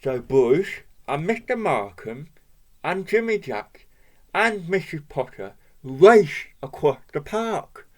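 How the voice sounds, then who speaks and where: A man's voice: fairly high pitch, very animated, slow pace, a little mellow. A man reading a children's picture book aloud, asking the listener questions and pointing out the pictures. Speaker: storybook reader.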